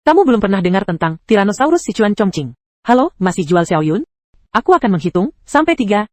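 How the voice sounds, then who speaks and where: A computer-generated woman's voice reads an anime story recap at a quick clip, with a pitch that jumps around a lot. She voices every character herself without changing her sound, and the recording is close and dry. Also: sing-song, no room sound. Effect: synthetic text-to-speech voice. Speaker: narrator.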